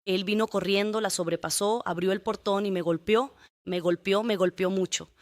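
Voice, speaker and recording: A woman's voice: medium pitch, steady tone, moderate pace, slight background noise. A woman testifying as a defendant in court, giving a long, detailed account and often adding tag questions.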